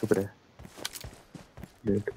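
A man on squad voice chat calling hurried warnings to his teammates. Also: noisy background. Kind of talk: game voice chat.

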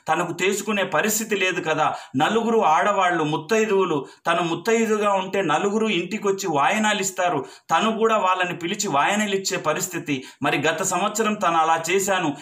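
Man, high-pitched, devotional storytelling, emotional, repetitive phrasing. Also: fairly bright tone.

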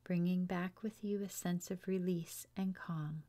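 A woman leading a guided relaxation meditation in a soft, hushed, soothing voice, leaving long pauses between phrases. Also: fairly low pitch, steady tone. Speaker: yoga teacher guiding meditation.

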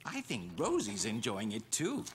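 An actor playing a gentle, obliging older man, a kindly babysitting neighbour in a children's cartoon. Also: lowish voice, huge pitch swings, unhurried. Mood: friendly. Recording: music bed under the voice.

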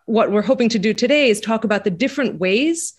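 A woman's voice: fairly high pitch, lively intonation, fast, breathy edge. A woman, speaking casually on a panel, with frequent fillers and restarts. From Greece. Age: 40s. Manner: conversational, many "you know" fillers and restarts. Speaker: panelist, center executive director. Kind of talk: panel discussion.

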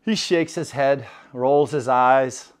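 A man telling a story in an animated, conversational talk, often asking the listener "right?". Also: mid-range voice, slow. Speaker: speaker.

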